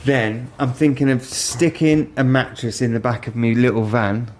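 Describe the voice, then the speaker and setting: A man's voice: medium pitch, fairly even intonation, normal speed. A middle-aged man, chatting casually with a co-host in a pub, laughing often and swearing freely. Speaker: podcast co-host. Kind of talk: casual chat.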